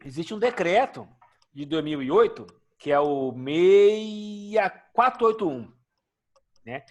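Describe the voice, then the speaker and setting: A man with a Brazilian Portuguese accent teaches a class in a chatty, questioning way. His fairly high voice rises and falls a lot as he explains. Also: lively intonation, takes it slowly. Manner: conversational, asks students questions. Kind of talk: classroom lecture.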